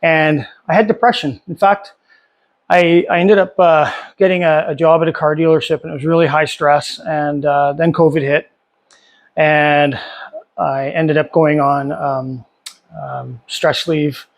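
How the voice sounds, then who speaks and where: A man's voice: fairly high pitch, fairly even intonation, measured pace, gravelly. Chatty man in his fifties. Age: 50s. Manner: chatty, candid, many fillers and restarts. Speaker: vlogger. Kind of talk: casual talk to camera. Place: home workshop.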